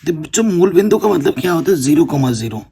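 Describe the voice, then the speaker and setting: Gravelly, husky maths teacher. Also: male voice, a little high, lively intonation, fast talker, mellow. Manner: explains step by step, keeps checking with "theek hai na". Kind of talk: board-exam maths lesson.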